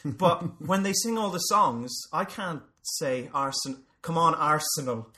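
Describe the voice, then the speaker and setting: A man's voice: a little high, pushed and bright, slight background noise. An Irish man co-hosting a comedy podcast, teasing and joking in casual chat. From Republic of Ireland. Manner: teasing, bantering, quick to joke. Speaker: podcast co-host.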